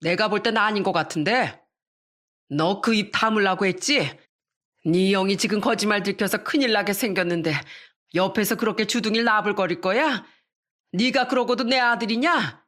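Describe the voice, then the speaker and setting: A woman's voice: medium pitch, normal speed, a bit bright, lightly acted. A woman voicing a scornful older mother-in-law who talks with contempt and mockery. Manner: contemptuous, mocking.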